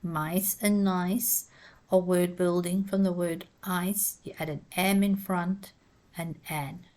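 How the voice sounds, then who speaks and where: Woman teacher, very slow and measured, low-pitched voice, spells words out letter by letter. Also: fairly even intonation, a little mellow. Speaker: English teacher. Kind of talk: slow, careful pronunciation lesson.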